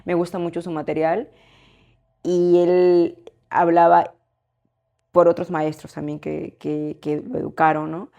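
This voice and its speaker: A woman's voice: lowish voice, little pitch movement, unhurried, vocal fry, long pauses, warm tone, muffled recording. A young woman co-hosting a podcast, talking reflectively in casual chat, hesitating and adding tag questions as she thinks aloud. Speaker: podcast co-host.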